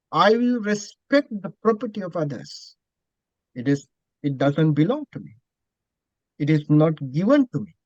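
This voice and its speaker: A man, a Buddhist monk teacher, telling a story in a dharma talk, speaking slowly and deliberately and repeating phrases. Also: a little high, darkish tone, dry recording, muffled recording.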